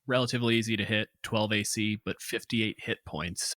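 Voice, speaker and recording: A man's voice: lowish voice, fairly even intonation, brisk, pushed and bright, no room sound, studio quality. A man co-hosting a tabletop gaming podcast, casually analytical, articulate, emphatic and opinionated. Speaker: podcast co-host. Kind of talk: casual analytical discussion of tabletop game monsters.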